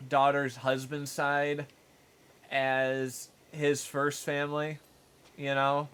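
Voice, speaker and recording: Slow-talking young man, smooth voice. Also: fairly high pitch, completely flat delivery, fairly bright tone. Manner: rambling, self-deprecating asides. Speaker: vtuber streamer. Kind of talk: casual chat while gaming.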